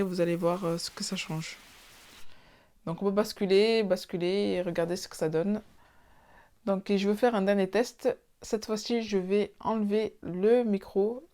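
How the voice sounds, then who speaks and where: A woman's voice: mid-range voice, mellow. A woman doing a casual product review, thinking aloud and often restarting her sentences. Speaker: tech reviewer.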